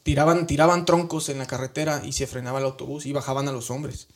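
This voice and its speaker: A man with a Mexican Spanish accent, appearing as a guest, earnestly tells a personal story in colloquial, emotional speech. He talks fast with a flat delivery in a medium-pitched voice, frequently restarting and adding tag questions.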